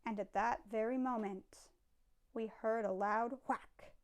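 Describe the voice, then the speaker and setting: In a slow, expressive storytelling style, a woman reads a children's picture book aloud. Her voice is fairly high, and a faint hiss or hum runs underneath.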